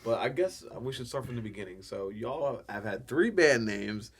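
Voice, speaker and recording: A man's voice: medium pitch, expressive, moderate pace, breathy edge. Profane young male podcast host. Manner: loose, profane slang-heavy talk. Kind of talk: casual podcast interview.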